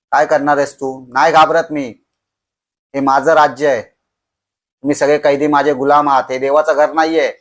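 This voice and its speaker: A man voicing a crazed male jail guard who shouts and taunts defiantly in a horror story. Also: on the high side, voice pushed up, lightly acted. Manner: shouting, taunting, laughing madly.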